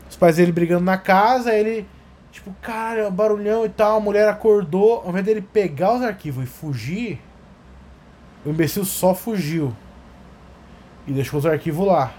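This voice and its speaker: A man tells a story in a loose, comedic way, swearing freely and jumping into the characters' lines. His voice sits high for a man. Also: moderate pace, long pauses, a little hiss or hum. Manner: animated, profane, acts out scenes. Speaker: podcast talker.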